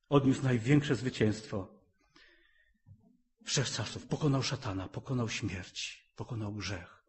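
A middle-aged man preaching a sermon, fervent and rhythmic, repeating phrases and rising to loud emphatic peaks. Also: medium pitch.

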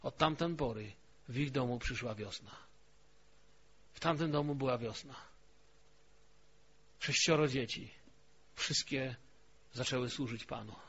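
Emphatic preacher, lo-fi church recording. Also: male voice, mid-range voice, unhurried, long pauses, husky. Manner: storytelling, swings from hushed to emphatic. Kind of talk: sermon. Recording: dull lo-fi recording.

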